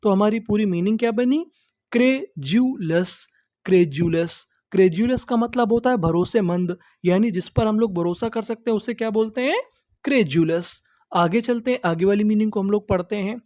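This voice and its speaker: A woman's voice: mid-range voice, normal speed, mellow, no room sound. A woman teaching English vocabulary, spelling each word letter by letter and asking and answering her own questions. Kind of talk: slow spelled-out vocabulary lesson.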